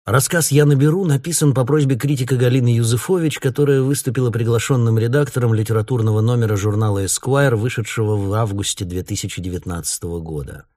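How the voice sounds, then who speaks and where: A man, the author, reading his own story aloud in a measured, literary manner. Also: mid-range voice, warm tone. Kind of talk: audiobook narration.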